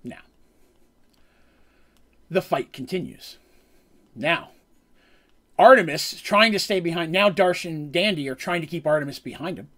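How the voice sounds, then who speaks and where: A man with a fairly high voice recaps a tabletop role-playing battle as the game master. He rambles casually, stopping to correct himself and filling gaps with ums. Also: lively intonation, a little slow, pauses often, a bit bright.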